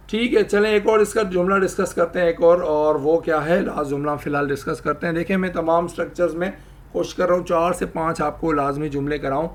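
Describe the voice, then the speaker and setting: A man teaching English grammar, explaining slowly and repeating example sentences. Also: fairly high pitch. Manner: addresses viewers, asks them to try. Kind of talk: spoken language lesson.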